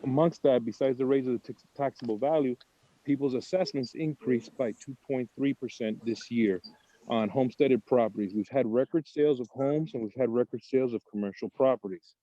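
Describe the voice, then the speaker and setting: Caller, man, heard over a lo-fi video-call line, dry and mellow, earnest and methodical with his numbers. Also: medium pitch, brisk, no echo. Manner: earnest, methodical, lists numbers one after another. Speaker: caller speaking at public comment. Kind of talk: prepared public comment, reciting figures. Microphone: video call app. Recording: dull lo-fi call audio, dry.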